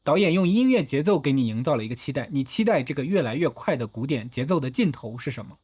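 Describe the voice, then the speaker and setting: A man's voice: medium pitch, animated, fast talker, darkish tone, a little hiss or hum. A man hosting a film analysis video, talking through each shot step by step in a methodical, explanatory way. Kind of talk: explanatory film breakdown narration.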